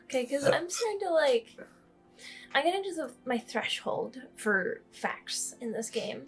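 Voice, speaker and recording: A woman's voice: high-pitched, big pitch swings, a little slow, soft background music. Sleepy, chatty woman gaming co-host. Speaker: let's play co-host. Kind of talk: casual gameplay chat.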